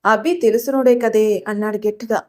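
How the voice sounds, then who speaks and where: A woman's voice: mid-range voice, fairly even intonation, moderate pace, lightly acted. Woman doing a stern angry village father. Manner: harsh, loud, lecturing. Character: stern village father, middle-aged man, usually gentle.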